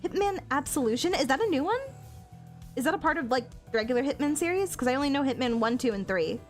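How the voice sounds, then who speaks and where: A woman's voice: sits high, lively intonation, fast. A woman chatting casually with viewers on a game livestream in a cute, bubbly anime-streamer manner. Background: video game music.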